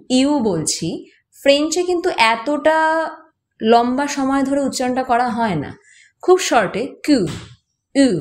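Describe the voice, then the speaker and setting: A woman with a Bengali accent, hosting a podcast and patiently teaching pronunciation to beginners in a relaxed lesson. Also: on the high side. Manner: patient, explains slowly and repeats sounds for learners. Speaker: French teacher, podcast host. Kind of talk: informal language lesson.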